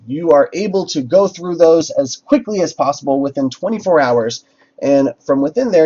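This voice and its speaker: A man's voice: on the high side, a little mellow. A man hosting a game livestream, talking casually to chat with lots of fillers and restarts. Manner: chatty, many fillers and restarts. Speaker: livestream host. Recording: dull lo-fi stream audio with faint music.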